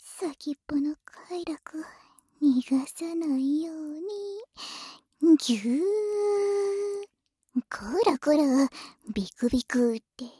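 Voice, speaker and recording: A woman voicing a teasing young wife who uses magic, speaking in a soft, close whisper in an ASMR roleplay. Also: sits high, animated, very slow, pauses often, no room sound, exaggerated voice.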